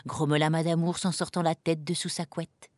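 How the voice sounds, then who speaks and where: A woman narrating a children's story in a lively, expressive reading voice. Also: low voice, normal speed.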